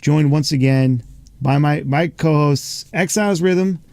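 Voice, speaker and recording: A man's voice: fairly high pitch, measured pace, a little mellow, dry recording. A man hosting a casual gaming podcast, talking with many fillers and restarts. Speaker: host.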